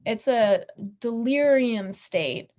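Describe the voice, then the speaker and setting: A woman giving a casual university lecture, chatty and animated, with frequent fillers. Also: fairly high pitch, takes it slowly.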